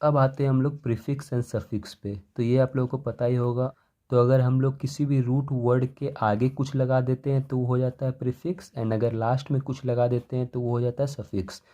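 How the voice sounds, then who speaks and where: Young male teacher, mellow low timbre, slow dictated definitions between casual explanation. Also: little pitch movement, highs cut off. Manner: dictates definitions slowly, explains in Hindi-English mix. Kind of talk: exam-focused lecture.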